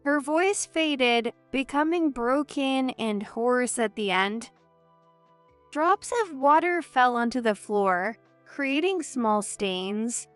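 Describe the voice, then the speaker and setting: A woman narrating a first-person drama story in a measured, earnest way. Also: sits high, expressive, fairly bright tone, clean tone, no echo, soft background music.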